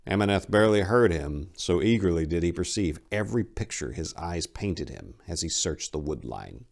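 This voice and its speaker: A man with a deep voice works as host and narrator. His delivery is scripted, deliberate and theatrical, suited to dramatic story readings. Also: animated, creaky, a little mellow.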